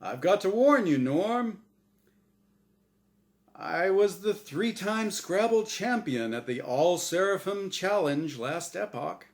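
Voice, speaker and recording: A man reads a storybook character, a smug, jovial angel game-show host, with emphatic, theatrical patter in a high, pushed-up voice. He takes it slowly, sounding expressive and heavily acted.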